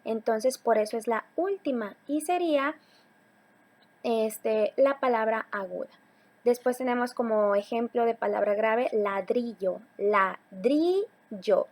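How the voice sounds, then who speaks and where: A woman teacher giving a recorded slide lesson, talking patiently to her students and slowing down on key words. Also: a little high, a little mellow. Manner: patient, addresses students directly, slows to stress key words.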